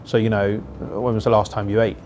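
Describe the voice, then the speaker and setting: A man's voice: lowish voice, level tone, brisk, a little mellow, a little hiss or hum. A male police officer being interviewed for a documentary, recounting a call in a plain-spoken, reflective way.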